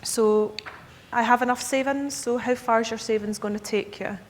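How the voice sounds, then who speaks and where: A Scottish woman in her thirties, a key account manager, gives a conference presentation to advisers in a chatty way, often checking in with the audience. Her tone is steady and her speed normal. The echoey hall carries a faint rumble.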